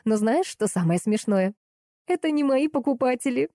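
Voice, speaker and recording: Lady reading happy bragging friend, mellow voice. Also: a little high, lively intonation, moderate pace, no room sound, clean studio sound, voice pushed up. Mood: cheerful. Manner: cheerful, boastful. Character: cheerful boastful woman friend.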